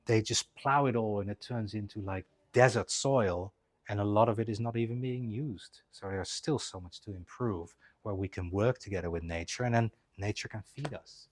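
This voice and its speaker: This fifty-something man speaks at a moderate pace in a lowish voice. He's delivering a relaxed, conversational presentation live in a clinic's presentation room, frequently starting his sentences over.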